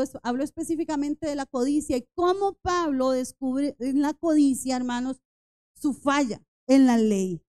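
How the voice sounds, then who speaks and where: Preaching a Bible study to her church, a woman in her forties sounds earnest and weary, often addressing the congregation directly and saying "hermanos" and "¿verdad?" again and again. Her voice is high-pitched yet dark in tone.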